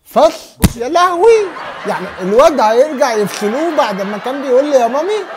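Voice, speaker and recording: A man's voice: very high-pitched, very animated, quick pace, noisy background, voice pushed up. A man with an Egyptian Arabic accent voicing a naive working-class mother who exclaims and rambles in a muddled way. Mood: bewildered.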